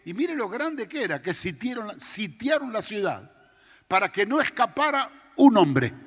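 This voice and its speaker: A male pastor preaches a sermon in a high, animated voice, acting out the scripture as he goes. His voice swings widely in pitch and rings through a long church reverb. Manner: dramatic, acts out the scripture.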